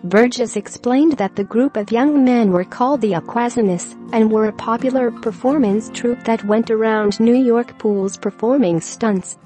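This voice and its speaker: Woman, scripted news narration, slightly high pitch, mellow tone, flat read-aloud delivery, faint music behind. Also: moderate pace, hardly any pauses.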